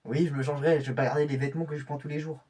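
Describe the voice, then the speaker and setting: A man's voice: fairly high pitch, flat delivery, rapid-fire, mellow, far from the mic, natural voice. A man playing a young male infiltrator getting ready for a covert mission, often stammering and restarting his sentences in amateur web-drama style. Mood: irritated.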